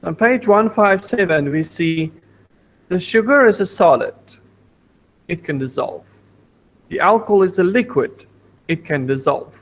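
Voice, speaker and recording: A man's voice: high voice, lively intonation, measured pace, pauses often, poor audio. A man teaching a science lesson to a primary school class over an online video call, patient, repeating points and asking the class questions. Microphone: computer mic on video call.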